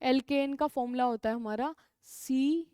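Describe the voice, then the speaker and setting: A woman's voice: sits high, moderate pace, dark tone, clear, resonant tone, no room sound. A young woman with a North Indian accent teaching a chemistry class, repeating key terms and answering her own questions. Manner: calls students "beta", coaxing. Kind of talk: classroom lecture.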